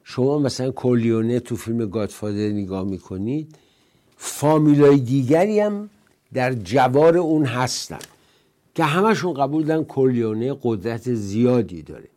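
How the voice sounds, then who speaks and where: An older man hosts a political talk show in a loose, rambling monologue. His voice is dark and mellow, sitting at an everyday pitch. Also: animated. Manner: conversational, rambling monologue with quoted verse. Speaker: host.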